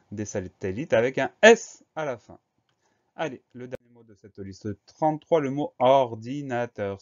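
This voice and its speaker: Patient low-voiced man spelling words. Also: darkish tone. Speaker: teacher. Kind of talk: spelling lesson and dictation. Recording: dull lo-fi recording.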